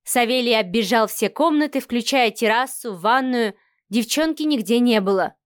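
A woman narrating an audiobook in a lively storytelling way. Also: fairly high pitch, normal speed, dry recording, studio quality.

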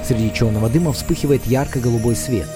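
A man's voice: mid-range voice, fast, loud music behind the voice. A man reading scripted audio description of the action in a film. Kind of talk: scripted narration of on-screen action. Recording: loud film soundtrack behind voice.

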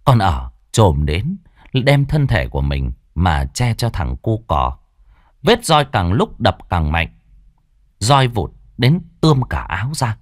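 A male storyteller narrates a ghost tale with dramatic flair. His pitch swings widely from line to line. The recording is close and dry. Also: slow, no room sound. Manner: dramatic, highly expressive.

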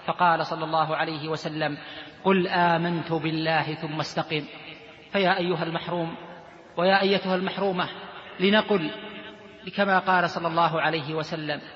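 High-voiced preacher in an echoing hall. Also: male voice, steady tone, a little fast. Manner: emotive, retelling a repentance story in first person. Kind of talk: sermon storytelling. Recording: echoey hall, dull lo-fi sound.

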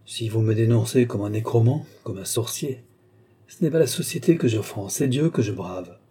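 A calm, commanding mystic man, as the reader puts him on. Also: lowish voice, husky. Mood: stern. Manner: measured, gently menacing.

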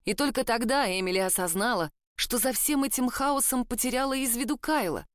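A woman narrating a novel in a steady, expressive reading voice. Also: fairly high pitch, a little fast, no echo, studio quality. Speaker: audiobook narrator. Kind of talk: scripted narration.

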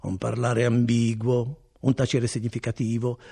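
A man narrating a classic novel in measured, expressive storytelling. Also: medium pitch, vocal fry, husky. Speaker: audiobook reader. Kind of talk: literary audiobook narration.

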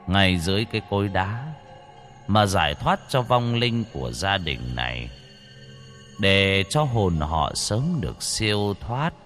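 A man as a gentle old Buddhist monk, murmuring. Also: sits low, exaggerated voice. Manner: soft, slow, murmuring.

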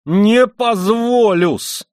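A man reading an audiobook, voicing a feverish, proud young male student who talks in tense, loud outbursts. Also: lowish voice, very animated, normal speed, no room sound, studio quality. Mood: furious.

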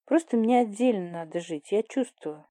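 A woman's voice: mid-range voice, expressive, normal speed, dark tone, no echo, lightly acted. A woman voicing a flippant, teasing young sister. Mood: offhand. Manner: playful, offhand, mocking.

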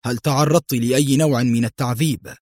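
A man voicing a stern, commanding general who gives clipped orders in a husky voice. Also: medium pitch, fairly even intonation, a little fast, darkish tone, no echo, clean studio sound, close to an everyday voice. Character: stern commanding male general, older, cold authority. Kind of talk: audiobook character voice.

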